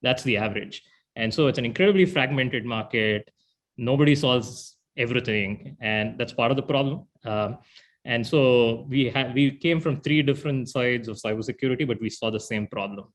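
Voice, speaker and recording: A man, a startup founder from India, answering interview questions in a thoughtful way with frequent "you know". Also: mid-range voice.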